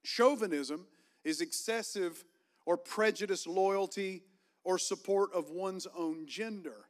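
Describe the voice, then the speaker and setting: Virginia-accented preacher with a higher voice. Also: male voice, slow pace. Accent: Virginian Southern. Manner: preaching with call-and-response, rising fervor. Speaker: pastor. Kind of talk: sermon. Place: church sanctuary.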